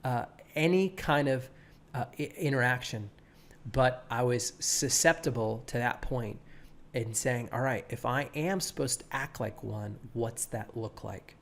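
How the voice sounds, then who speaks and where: A man in his thirties, a pastor and guest, telling stories in an animated way, with a laid-back surfer-like voice, often acting out what people said. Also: medium pitch, unhurried. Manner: animated, quotes people, many restarts. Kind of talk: casual storytelling interview.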